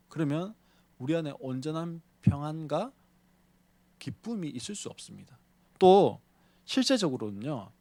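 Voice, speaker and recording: A man's voice: fairly high pitch, darkish tone, no room sound. A male pastor preaching a sermon, telling a story and often putting questions to the congregation. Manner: tells a story to illustrate his point.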